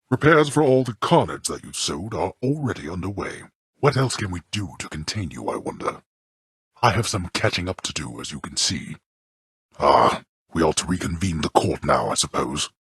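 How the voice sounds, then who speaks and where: This video game character, a proud god-king of the underworld, has a very deep, strongly rasping voice and speaks formally with dry contempt, his pitch swinging widely as he judges like a stern father. His mood is stern with weary disdain, performed as a full, theatrical character voice. The audio is close and dry, without echo.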